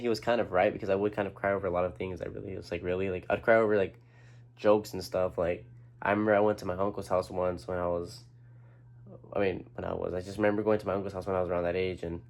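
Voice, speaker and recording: Fast-talking young man, earnest and rambling. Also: low voice, steady tone, vocal fry, darkish tone. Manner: rambling, earnest, frequent restarts and swearing. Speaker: vlogger. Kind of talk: personal talk to camera.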